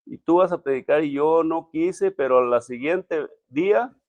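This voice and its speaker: A man's voice: a little high, a little mellow, no echo, highs cut off. Emotional man telling his testimony. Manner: emotional, halting storytelling with many restarts. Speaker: pastor, interview guest. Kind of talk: personal testimony in conversation.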